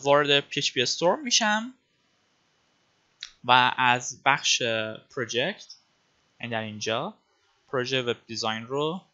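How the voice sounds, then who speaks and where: A man's voice: medium pitch, bright, forceful tone, muffled recording. A man teaching web design in a screencast, explaining step by step with frequent filler sounds and calling his viewers friends. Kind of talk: screencast coding tutorial.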